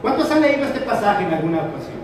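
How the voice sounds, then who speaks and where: A man preaching a sermon to a congregation, animated, swinging between loud and soft. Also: high voice, fast talker, crowd noise. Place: church hall with congregation. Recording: echoey hall, from far off. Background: congregation answering.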